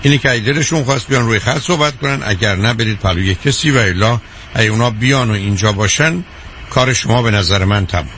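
A man hosting a call-in advice show on the radio, talking to callers frankly, calmly and directly. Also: medium pitch, slight background noise.

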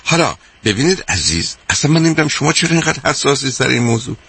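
A man's voice: medium pitch, sing-song, a bit bright, a little hiss or hum. An older man hosting a radio call-in advice show, talking emphatically and repeating his points, calling the caller dear.

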